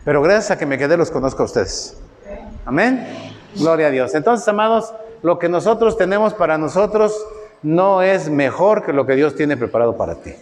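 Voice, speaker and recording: Mexican male preacher, middle-aged, slightly high voice, folksy sermon with long hall echo. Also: expressive, moderate pace. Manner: folksy storytelling, voices quotes with rising pitch, tag questions. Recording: roomy hall with faint ambience.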